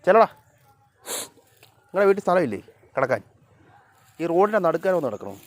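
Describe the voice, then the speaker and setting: A man talking casually to his cats and dogs outdoors by a road, coaxing them and sometimes shouting at them to move. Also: sits high, very animated, fairly quick, no echo. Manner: coaxing and scolding the animals, shouting now and then. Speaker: vlogger. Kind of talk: casual chat with his pets.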